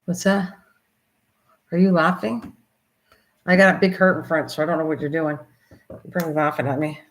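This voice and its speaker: A woman's voice: sits low, steady tone, moderate pace, low-quality recording. An older woman hosting a casual craft livestream, rambling and talking to herself and her viewers as she works. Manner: chatty, rambling, talks to herself and her viewers while working. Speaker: livestream host.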